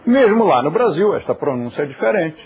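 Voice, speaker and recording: A man's voice: on the high side, sing-song, fairly quick, husky. Man teaching in a dull lo-fi recording. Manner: explains pronunciation patiently, with asides to viewers at home. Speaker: yoga teacher. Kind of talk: recorded class talk.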